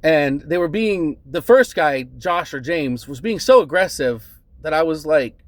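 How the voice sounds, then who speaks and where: A man calmly recounting a bad encounter as a customer, earnest and measured, often adding "right?" and "um". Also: fairly high pitch, no room sound. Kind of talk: casual spoken account to camera.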